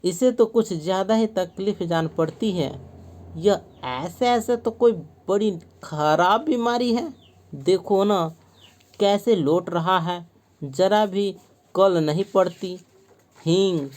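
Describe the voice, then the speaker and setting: A woman's voice: mid-range voice, takes it slowly, a little mellow, natural voice. A woman reading out the lines of an anxious mother soothing her sick boy in a school play lesson, in a soothing, coaxing manner. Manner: soothing, coaxing read-aloud. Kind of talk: reading a play aloud for a class.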